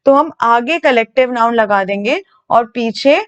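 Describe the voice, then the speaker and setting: Woman teacher with a fairly high voice on a dull lo-fi recording, patiently walking students through grammar. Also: unhurried. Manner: patient, repeats key words, asks and answers her own questions. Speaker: English teacher. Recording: dull lo-fi sound.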